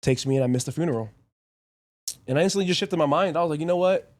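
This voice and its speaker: A young man hosting a podcast, telling a story casually in short, blunt, profane bursts. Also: fairly high pitch. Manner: blunt and profane, rapid anecdotes in short clauses. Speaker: podcast host.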